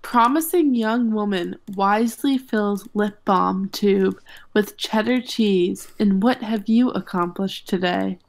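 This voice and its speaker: A woman's voice: medium pitch, takes it slowly. A young woman co-hosting a casual podcast, reading out odd news headlines and giggling. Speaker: podcast co-host bringing headlines. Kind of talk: casual chat.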